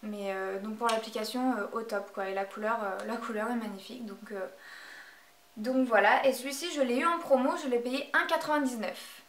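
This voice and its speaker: A woman's voice: a little high, steady tone, moderate pace, a bit bright, slight background noise. A woman reviewing beauty products in a casual vlog, talking hesitantly with many filler sounds. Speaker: beauty vlogger. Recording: echoey room, voice from a distance.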